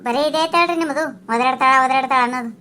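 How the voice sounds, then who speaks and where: A woman voicing a scolding, sharp-tongued village wife in a cartoon, with a North Karnataka accent. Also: high voice, a little hiss or hum. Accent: North Karnataka Kannada. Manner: nagging, sharp and fast. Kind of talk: cartoon voice acting.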